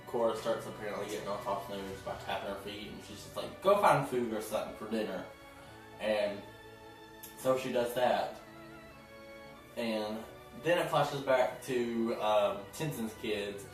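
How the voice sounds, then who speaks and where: Recapping a TV episode in a relaxed, chatty way, this man has a lowish voice and is picked up by a distant mic. He laughs a lot and performs the characters' lines himself. The room is very echoey, he is off-mic, and faint music plays.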